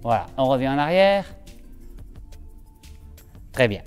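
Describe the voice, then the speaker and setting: A man teaching an aikido class, guiding breathing with calm, steady cues and giving brisk instructions. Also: mid-range voice, clear, resonant tone, in a large hall, soft background music. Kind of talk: instructional demonstration.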